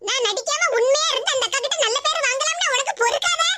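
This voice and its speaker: A woman's voice: very high-pitched, quick pace, very noisy, voice pushed up. A woman voicing a sly, meddling gossip with a Tirunelveli Tamil accent, needling and insinuating.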